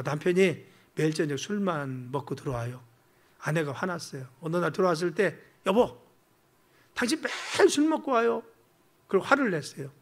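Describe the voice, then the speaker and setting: High-voiced male pastor preaching. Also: fairly bright tone. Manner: teaching, has the congregation repeat phrases; acts out family quarrels in quoted lines. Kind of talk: sermon. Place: church sanctuary.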